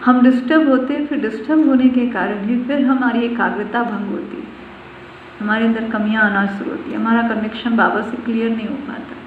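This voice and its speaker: A woman's voice: on the high side, fairly even intonation, a little fast, slight background noise. A woman spiritual teacher giving a devotional discourse, repeating phrases and putting questions to her listeners. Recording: far-off voice in an echoey room on a tinny phone-like line.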